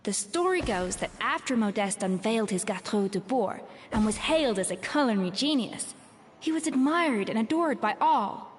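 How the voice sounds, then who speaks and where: Voicing the same proud, troubled young chef for a video game, the actress here sounds higher and expressive, still close to an everyday voice. She narrates in a somber, pensive, measured and articulate way, with long reverb, game music behind, and slight background noise.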